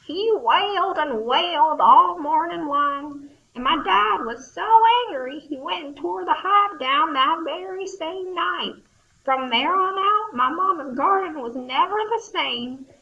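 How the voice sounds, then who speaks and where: A woman's voice: high-pitched, expressive, unhurried, dull audio. A woman voicing a sweet, frail old woman who speaks tenderly in an amateur audio drama. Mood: wistful. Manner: tender, heartfelt storytelling.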